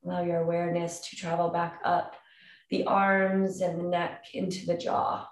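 A woman in her thirties, a meditation guide with a fairly low voice, leads a calm grounding meditation, giving soothing instructions separated by long pauses. She's recorded on a distant microphone in an indoor room with a wooden floor and plank wall, giving a roomy echo.

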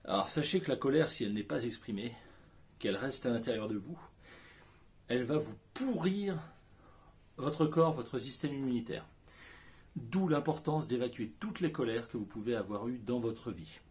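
Animated middle-aged French coach. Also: male voice, medium pitch, normal speed, husky. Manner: animated, emphatic, colloquial. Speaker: EFT coach. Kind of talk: energetic video coaching.

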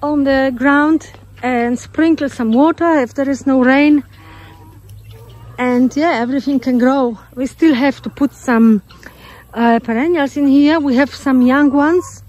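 The audio is dull on this phone-filmed walk around an Australian homestead's garden and poultry. The narrator's voice sits high with a darkish tone, unhurried and casual, with fillers and a turn of phrase.

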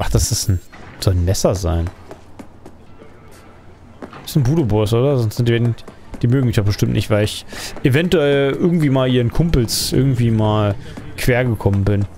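A man's voice: medium pitch, mellow, a little hiss or hum. A man giving casual let's play commentary, thinking aloud and asking himself questions as he plays.

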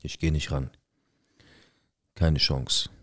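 Male storyteller, first-person dramatic retelling; very low, husky voice, dry close recording, faint music bed. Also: flat delivery, slow pace, fairly bright tone, no room sound. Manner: dramatic retelling acting out dialogue.

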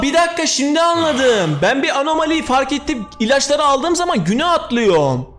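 Jumpy young man narrating a horror game. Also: extremely high pitch. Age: young adult. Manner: excitable, talks to himself, swears and yelps at scares. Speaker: gaming YouTuber. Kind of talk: horror game let's-play commentary. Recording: game music playing behind.

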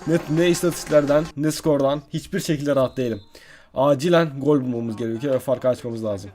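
A young man doing live gameplay commentary as a gaming YouTuber, excitable and swinging from muttering to frustrated outbursts. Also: medium pitch, fairly quick.

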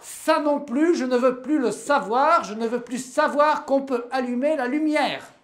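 A woman reads as a stubborn, irritable storybook man who lifts his voice high and loud whenever he refuses. He pushes each word out with insistence, sounding cornered and obstinate. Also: a little slow. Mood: insistent.

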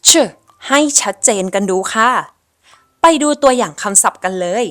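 A woman narrating a phonics lesson as an English teacher, spelling out sounds slowly and repeating each word with careful enunciation. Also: medium pitch, lively intonation, a bit bright. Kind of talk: scripted lesson voice-over.

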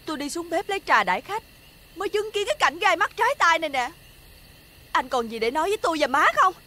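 A sharp-tongued wronged wife. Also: female voice, very high-pitched, very animated, fast talker, exaggerated voice. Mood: indignant. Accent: Southern Vietnamese. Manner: sharp, accusing, scolding. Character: indignant wronged young wife. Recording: music playing behind.

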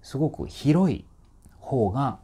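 A man's voice: medium pitch, lively intonation, slow, warm tone, slightly rough. A man working as a voice trainer, explaining singing technique in a chatty, informal way and demonstrating vowel sounds.

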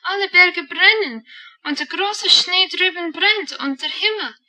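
A high, bright little girl full of breathless wonder, gushing over everything she sees, as a woman reads her out. She exclaims eagerly and a little sharply. The voice sounds set back from the mic. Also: slow pace, far from the mic, exaggerated voice, low-quality recording. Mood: awestruck.

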